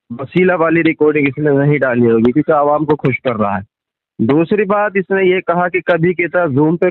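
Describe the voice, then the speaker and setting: A man's voice: a little high, no room sound. A man in a heated phone argument as a religious debater, defiant and rebutting his rival's claims point by point. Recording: tinny phone line.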